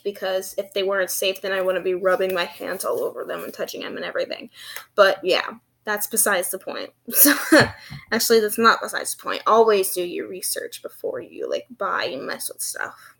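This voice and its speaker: A woman's voice: medium pitch, a bit bright. A young woman with a lisp that turns s slushy, like sh, chatting casually in a hesitant, giggly, self-deprecating way for a vlog. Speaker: vlogger. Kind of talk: casual rambling vlog chat.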